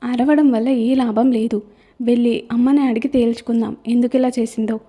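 A woman's voice: fairly high pitch, steady tone, moderate pace, husky. A woman voicing an angry middle-aged mother. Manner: shouting, demanding.

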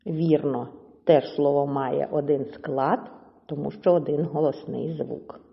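A woman teacher giving a slow, clear lesson to children, stretching words out syllable by syllable. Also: low-pitched, fairly even intonation. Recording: dull audio with long reverb.

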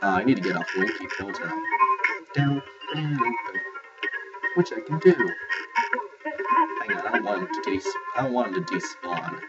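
A man giving casual let's play commentary, chatty and self-mocking, reacting loudly to what happens in the game. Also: lowish voice, lively intonation, normal speed, pauses often. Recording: lo-fi capture with game music.

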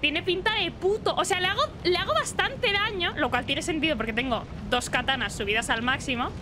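A woman's voice: sits high, a little fast. A young woman giving playful live gameplay commentary, chatting to the enemies and yelping and swearing when she is hit. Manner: playful, talks to the game boss, frequent startled yelps and swearing. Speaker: streamer. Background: game music.

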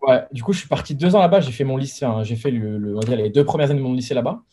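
Mellow young French man on a video call. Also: mid-range voice, racing, slightly rough. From Paris region, France. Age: 20s. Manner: relaxed and chatty, many fillers and restarts. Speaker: guest entrepreneur. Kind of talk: casual interview on a video call. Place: bedroom with framed pictures, indoors. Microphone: video call webcam.

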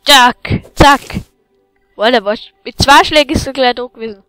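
A woman giving excitable let's-play commentary, yelling at enemies and chatting to viewers, with faint game music behind. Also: sits high, normal speed, smooth, no room sound, rough recording.

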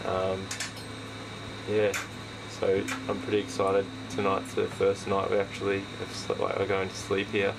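A man's voice: deep voice, completely flat delivery, measured pace, vocal fry, background noise. Easygoing young man on a boat. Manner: easygoing, rambling with fillers. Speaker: sailing vlogger. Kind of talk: casual vlog chat. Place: sailboat outdoors on the water.

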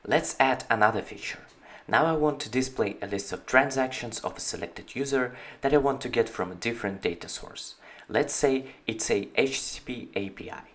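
A company founder provides the voice-over for a software tutorial captured on screen, showing off his product. He talks at a moderate pace with a medium-pitched voice, calm and explanatory throughout.

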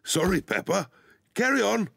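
A man's voice: high-pitched, big pitch swings, moderate pace, vocal fry, fairly bright tone, exaggerated voice. An actor voicing a jolly, good-natured father pig in a cartoon, cheerful and fond.

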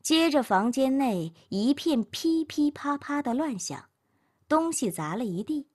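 A woman reads a novel aloud as an audiobook narrator. Her voice sits fairly high with a slight huskiness, and her delivery rises and falls expressively. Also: a little slow. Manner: expressive storytelling.

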